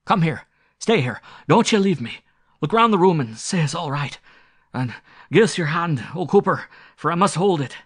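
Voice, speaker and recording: Man voicing storybook country squire, blustering, fearful, hot-tempered, raised emphatic voice, gravelly edge. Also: mid-range voice, normal speed, a bit bright, voice pushed up. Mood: frightened, pleading. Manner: blustering, rustic, emphatic speech.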